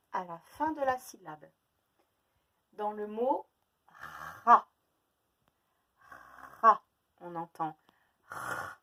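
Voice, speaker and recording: A woman teaching a phonics lesson to young children, slowly and clearly separating each sound and stressing the key words. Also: mid-range voice, bright, forceful tone.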